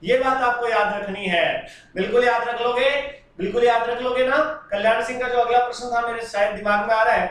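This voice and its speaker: Chatty teacher in a very echoey room. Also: male voice, very high voice, fairly even intonation, brisk, a bit bright, distant mic. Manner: chatty, addresses students as beta, answers questions from comments. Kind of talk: live online class reading viewer comments. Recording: very echoey room, voice from away from the mic.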